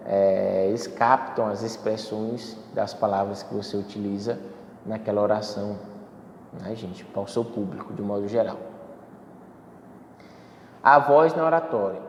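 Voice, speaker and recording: A man's voice: on the low side, moderate pace, darkish tone, a little hiss or hum. A man teaching a lesson on public speaking, explaining step by step with frequent fillers and self-corrections. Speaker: instructor. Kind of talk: spoken lecture on public speaking. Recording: echoey hall, faint ambience.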